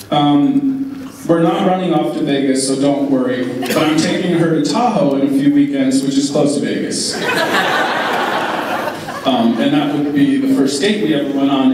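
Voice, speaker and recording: A man giving an informal wedding speech as the groom, talking in a halting, candid way with wry asides. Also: mid-range voice, darkish tone. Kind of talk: informal wedding speech, partly read aloud. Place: large reverberant event room with audience. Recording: echoey hall, distant mic, background noise.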